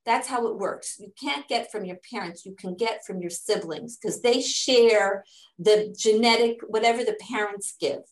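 A middle-aged woman who directs fundraising for a charity, a native English speaker living in Israel, walks an interviewer through the charity's work with earnest, step-by-step answers and many restarts. She speaks at medium pitch and a moderate pace. The sound is roomy and the recording is low quality.

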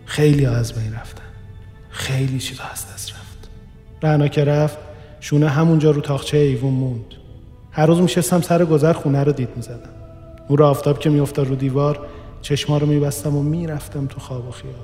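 A man narrates a first-person radio story in a quiet, measured, reflective manner. His mellow tone carries a long, echoing reverb, and faint music plays beneath him. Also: on the high side, steady tone. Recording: reverberant room with soft background music.

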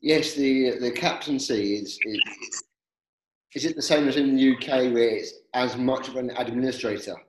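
A man's voice: mid-range voice, moderate pace, echoey room, poor audio. Friendly man hosting a podcast. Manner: friendly, hesitant with fillers and restarts. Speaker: podcast host, interviewer. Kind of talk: podcast interview.

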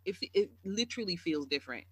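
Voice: medium pitch, animated, fast. A host interviewing guests in a casual way, with frequent "um" and "you know", asking open questions that draw the guests out.

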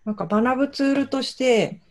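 A woman in a casual podcast chat, speaking thoughtfully and softly, with frequent backchannels. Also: high-pitched, normal speed. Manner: thoughtful, soft-spoken, many backchannels.

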